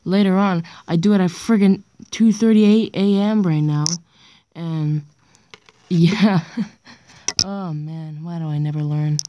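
A woman's voice: on the low side, slow pace, long pauses, dark tone, a little hiss or hum. A young girl around sixth-grade age, with a stuffy nose, rambling hesitantly and self-deprecatingly in a casual solo podcast, recorded on a dictaphone. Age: child or young teen, around sixth grade. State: stuffy nose from being sick. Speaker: amateur podcaster. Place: indoors on a bedroom floor, late at night. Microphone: handheld voice recorder.

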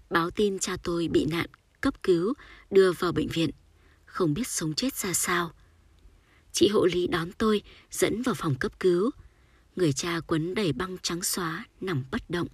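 A woman reading a sorrowful short story aloud in a soft, storytelling manner. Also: on the low side, normal speed, breathy edge, no room sound. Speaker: audiobook narrator. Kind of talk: scripted literary narration.

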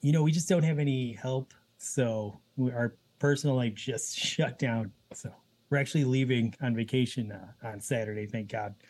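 A man in his thirties, a guest on a podcast, talking in a relaxed way and laughing easily. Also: mid-range voice, normal speed. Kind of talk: casual conversation.

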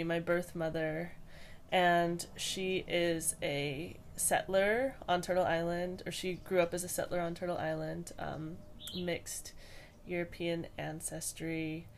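Answering a podcast's interview questions, this young Hawaiian guest pauses often and restarts, thinking carefully as she goes. Her voice is on the low side and level in tone, with slight background noise.

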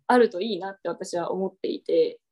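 A woman's voice: fairly low pitch, moderate pace, a little mellow. A woman co-hosting a casual podcast chat, telling stories in a chatty way with many fillers and easy laughs. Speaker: podcast co-host.

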